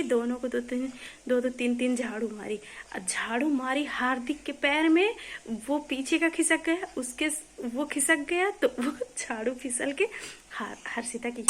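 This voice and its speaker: Chatty mother telling a home story. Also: fairly high pitch. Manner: chatty, recounting a household scuffle with a laugh. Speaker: mother and vlogger. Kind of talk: casual storytelling to camera. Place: home, indoors.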